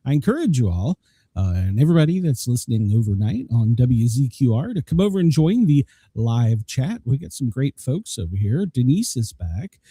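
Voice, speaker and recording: A male radio host chats casually and irreverently, wandering from point to point. His voice is mellow and a bit rough, with very animated pitch. The sound is dry. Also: moderate pace, no room sound. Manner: rambling, irreverent. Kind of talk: casual comedic live-show chat.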